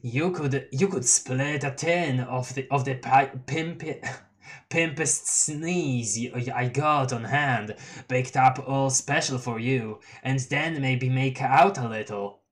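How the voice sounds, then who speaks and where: A man voicing a mellow, laid-back clown troll boy, reading his lines in a slow, drawling, stumbling way. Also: medium pitch, lightly acted. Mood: dopey cheerful. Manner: drawling, stoned, fumbling over words.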